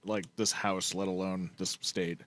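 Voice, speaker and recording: A man co-hosting a casual podcast, laid-back and mumbling, trailing off low. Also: level tone, unhurried, fairly bright tone, no echo. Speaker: podcast co-host. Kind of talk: casual chat.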